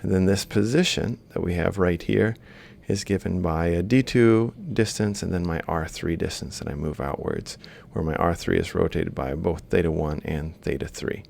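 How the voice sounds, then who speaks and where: A university lecturer narrates a screen-capture lecture as he writes, thinking aloud, explaining step by step and reading values out piece by piece. He talks at normal speed with few pauses, his low voice gravelly and a little mellow.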